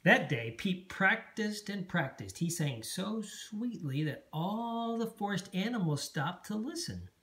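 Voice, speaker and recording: A parent reading a picture book aloud at bedtime, slow and expressive. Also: mid-range voice.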